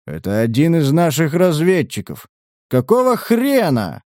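Man doing Saturn, a gruff hulking giant. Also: on the high side, wildly swooping pitch, unhurried, darkish tone, no echo, clean studio sound, pitched above the performer's own voice. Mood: bewildered. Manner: gruff, bellowing. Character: hulking male giant soldier, blunt and rough.

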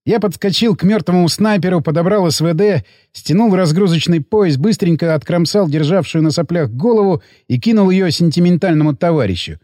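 A man narrating an audiobook in a gruff, coarse first-person voice. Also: high voice, lively intonation, fairly quick, few pauses, dark tone, no echo, studio quality.

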